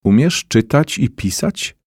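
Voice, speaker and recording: A gentle, fatherly priest, as a man puts him on, asking patient questions in an unhurried voice. The low, husky tone sits close and dry. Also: animated, no echo. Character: kind, gentle male priest and educator.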